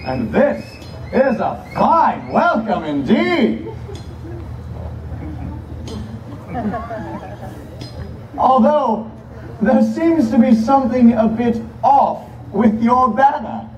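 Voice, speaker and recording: A man's voice: very high voice, expressive, very slow, a crowd in the background, full character voice. A man playing an imperious, boisterous Renaissance king at a fair, proclaiming pompously in theatrical olde English on an outdoor stage. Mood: gracious, amused. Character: imperious, boisterous King Henry the Eighth of England. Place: outdoor wooden stage at a fair, far camera. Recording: distant, muffled, echoey outdoor stage, noisy.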